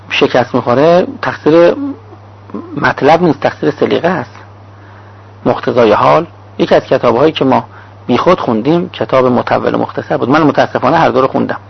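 A man's voice: mid-range voice, vocal fry, slightly rough. A man giving a sermon-style lecture as a cleric, listing examples in short rhythmic phrases. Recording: dull lo-fi recording.

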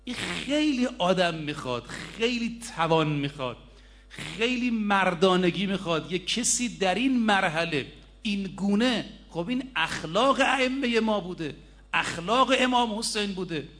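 A man's voice: high-pitched, lively intonation, a bit bright. A middle-aged man preaching a sermon, telling a story and speaking straight to his listeners. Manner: storytelling, addresses listeners directly.

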